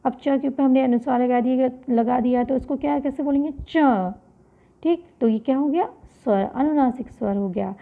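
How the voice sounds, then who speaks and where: A woman teaching Sanskrit pronunciation, slowly spelling out sounds, asking recall questions and chanting rules at a deliberate pace. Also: sits high, creaky. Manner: slow, spells out sounds and asks recall questions, then answers them. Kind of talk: classroom-style video lesson. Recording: tinny phone-like audio.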